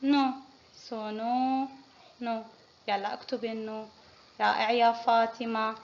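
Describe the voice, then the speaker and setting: Female kindergarten teacher, high voice, patient and encouraging, classroom recording with a dull muffled sound. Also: little pitch movement, a little slow. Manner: patient, praising, quizzing pupils one by one. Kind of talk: classroom phonics lesson. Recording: muffled lo-fi with faint noise.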